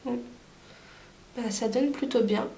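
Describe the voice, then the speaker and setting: With a cold making her sound stuffy, a woman beauty vlogger speaks slowly in a fairly high, mellow voice. She chats casually through her makeup tutorial, using many fillers, in a roomy-sounding space.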